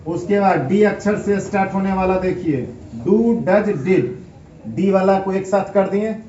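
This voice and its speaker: A high-voiced man teaches grammar at an unhurried pace, putting questions to his students and answering them himself. His voice is mellow and sits in a roomy space, picked up from some distance. The sound is a bit dull. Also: slight background noise. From India. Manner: asks questions then answers them, spells words letter by letter. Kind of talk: classroom grammar lesson. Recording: echoey room, picked up from a distance, slightly dull.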